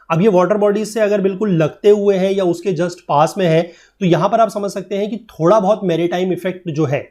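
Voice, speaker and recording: In an exam-prep geography lecture, a man with a high, darkish voice explains patiently and checks understanding with tag questions. He mixes English textbook lines into his Hindi explanation.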